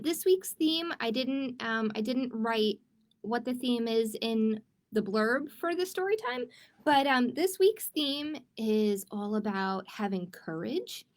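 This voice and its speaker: This librarian hosts a children's storytime over livestream, and her pitch is fairly high. She reads with lots of expression and keeps young viewers engaged by asking them questions.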